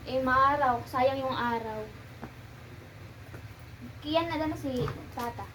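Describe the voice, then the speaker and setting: A woman's voice: sits high, slow, fairly bright tone. A young woman vlogging about her day at home as a mom, chatting to viewers and cooing to her child in sing-song baby talk. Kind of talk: casual home vlog. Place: indoors at home. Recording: noisy home recording.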